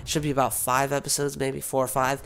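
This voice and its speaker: A man's voice: mid-range voice, completely flat delivery, quick pace, creaky, background noise. Rambling young man with a sick voice. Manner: rambling, with many fillers and restarts. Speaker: gaming YouTuber. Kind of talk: rambling casual vlog talk.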